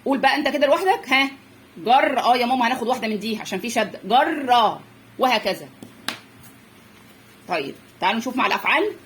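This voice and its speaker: A woman's voice: a little high, expressive, very fast, pauses often, fairly bright tone, a little hiss or hum. A young woman with an Egyptian accent teaching children's reading to parents, drilling letter sounds and stretching out words as she repeats them. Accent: Egyptian Arabic. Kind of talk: phonics lesson for parents.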